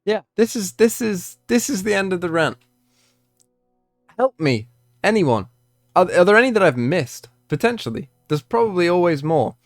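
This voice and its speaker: A man delivering an unscripted commentary rant, exasperated and incredulous, moving between measured explanation and worked-up emphasis. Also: high-pitched, very animated, no room sound, clean studio sound, faint music behind. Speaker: video creator ranting about card game balance.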